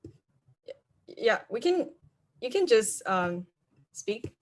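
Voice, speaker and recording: Introducing speakers on an online video call, this conference moderator hesitates, fills gaps constantly, and seems unsure of name pronunciations. She speaks slowly in a voice on the high side with big pitch swings.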